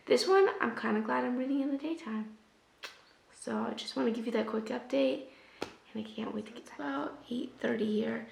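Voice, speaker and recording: A young woman chatting casually in a reading vlog, sick and losing her voice, often dropping to a soft half-whisper. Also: a little high, gravelly, echoey room. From US West Coast. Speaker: book vlogger. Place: at home.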